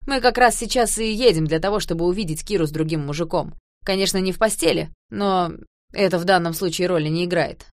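Woman doing a gruff bearded young man, loud, blunt, grumbling, low voice, dry close sound, audiobook. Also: brisk, dry recording, lightly acted. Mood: angry, blunt.

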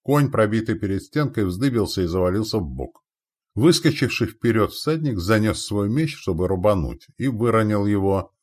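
A man's voice: lowish voice, animated, normal speed, a little mellow. A man narrating a war novel as an audiobook in a dramatic reading style.

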